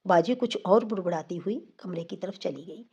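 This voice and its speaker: A woman storyteller reading an emotional story aloud in a steady, scripted narration. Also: lowish voice, breathy edge, highs cut off.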